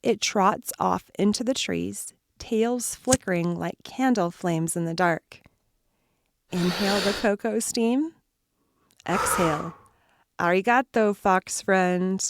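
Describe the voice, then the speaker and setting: A woman narrating a children's campfire story, soothing and slow, with whispered parts and call-and-response. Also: medium pitch, noisy background.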